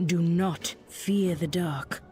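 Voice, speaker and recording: An actor voicing a solemn, mystical spirit guide in a fantasy game, speaking in a hushed, measured way. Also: male voice, fairly high pitch, steady tone, soft background music.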